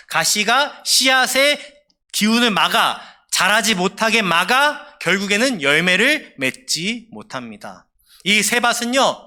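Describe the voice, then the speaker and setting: A man's voice: high voice, sharp tone. A man preaching a sermon as a pastor, with an emphatic delivery that rises and falls.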